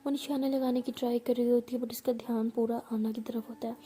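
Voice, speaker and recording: Woman, casual story narration, chatty, soft whispers, dark mellow tone, husky. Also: fairly high pitch, flat delivery, brisk.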